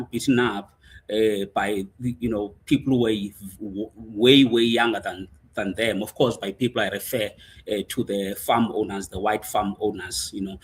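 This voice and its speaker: A man's voice: fairly low pitch, breathy edge. A man from South Africa, an executive coach and the guest, talking in a casual interview with many fillers and hesitations.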